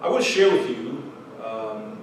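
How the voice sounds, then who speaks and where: A middle-aged chemistry professor from Trinidad and Tobago gives a recorded university lecture in a medium-pitched, sing-song Trinidadian accent, speaking slowly, measured and earnest. He often pauses on "uh" and "um" and repeats or goes back over his words. He sounds far from the mic, in a strongly echoing room with a clear layer of background noise.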